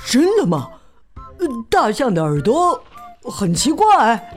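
Brief: female reader doing a gruff, loud bully elephant, storybook, slow and bouncy delivery. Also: a little high, huge pitch swings, faint music behind, heavily acted. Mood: dejected. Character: rude hungry male elephant, blustering bully.

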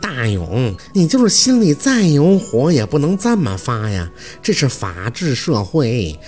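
A man's voice: mid-range voice, wildly swooping pitch, unhurried, darkish tone, faint music behind. Chiding, as a man puts her on an old village woman. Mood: scolding. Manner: chiding, admonishing. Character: scolding elderly village woman.

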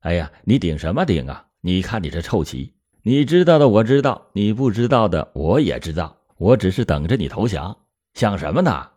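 A man's voice: lowish voice, sing-song, moderate pace, a little mellow, husky. A man voicing a male police officer who taunts his opponent over a game of chess in a crime story. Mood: taunting. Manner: teasing, taunting.

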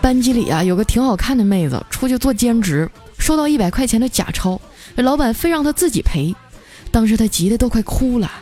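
A woman's voice: fairly high pitch, lively intonation, a little fast, mellow, soft background music, pitched above the performer's own voice. A woman voicing a sulky, unlucky young office man who complains in an aggrieved tone. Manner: aggrieved, self-pitying.

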